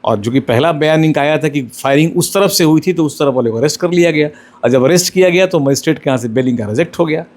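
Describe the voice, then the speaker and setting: Middle-aged lawyer guy, kinda high voice, explains things step by step, measured. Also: darkish tone. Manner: measured, explains step by step, mixes English legal terms. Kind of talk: news interview answers.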